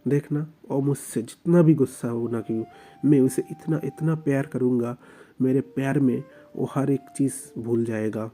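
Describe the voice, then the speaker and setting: A man plays a dominant young mafia husband in a spoken romance story. He talks low and coaxing, with insistence underneath, in a very mellow, dark voice. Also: steady tone, moderate pace, faint music behind, close to an everyday voice. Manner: low, coaxing, then commanding.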